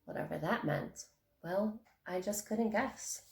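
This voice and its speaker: A woman teacher reads a rhyming picture book aloud with lively, rhythmic expression. Her voice has a gravelly edge. The room is echoey. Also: on the low side, slow.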